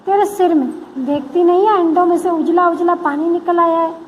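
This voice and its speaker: A woman's voice: extremely high pitch, steady tone, moderate pace, a little hiss or hum, poor audio. A woman reading the lines of a young boy, a sulky older brother, in a storytelling lilt. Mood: impatient.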